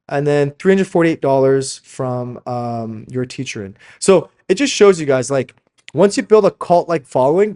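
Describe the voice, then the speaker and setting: Medium-pitched with a darkish tone, this man is a Slovak speaker who came to Canada from Slovakia as a young child. Now a fashion brand founder and coach, he delivers a motivational sales video informally and emphatically, constantly asking tag questions and calling listeners "guys."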